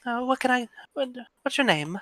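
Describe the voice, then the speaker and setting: A man's voice: very high-pitched, lively intonation, brisk, pushed and bright, no echo, pitched above the performer's own voice, full character voice. Guy voicing a nervous polite girl in her early 20s, lots of ums, dry close sound. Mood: flustered polite. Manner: hesitant, lots of ums and stammers. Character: flustered polite young woman innkeeper, early 20s. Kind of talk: improvised tabletop role-play voice.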